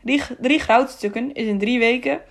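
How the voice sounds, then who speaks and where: A woman's voice: on the high side, normal speed. A woman voicing a wary castle guard who asks curt, probing questions. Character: second castle guard, wary grown man.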